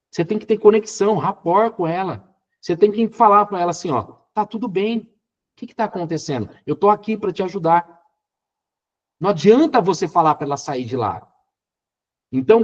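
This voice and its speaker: A man with a fairly high voice teaches an Enneagram class in a motivational lecture style. He talks emphatically and keeps checking in with rhetorical questions. The recording sounds a little dull and lo-fi.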